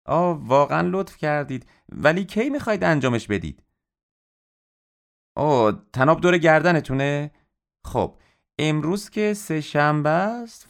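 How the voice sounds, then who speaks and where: A man voicing a brisk, businesslike middle-aged woman shopkeeper on the phone in an audiobook. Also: a little high, gravelly, clear, resonant tone, voice pushed up.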